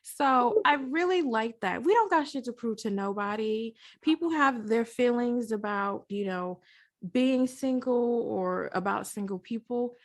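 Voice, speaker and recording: A woman hosting a casual podcast, talking in an animated, slangy way and laughing often. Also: on the high side, a little slow. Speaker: podcast host.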